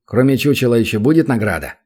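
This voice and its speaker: A man's voice: medium pitch, animated, fast, a little mellow, husky. A man voicing a sly, mocking male demon hero who drawls dry, teasing remarks, in an audiobook.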